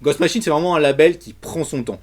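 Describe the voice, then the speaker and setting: A man's voice: a little high, fairly quick, a little mellow. A man reviewing comics in a casual, colloquial and emphatic way, talking straight to his viewers as the channel's host. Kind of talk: casual enthusiastic video review.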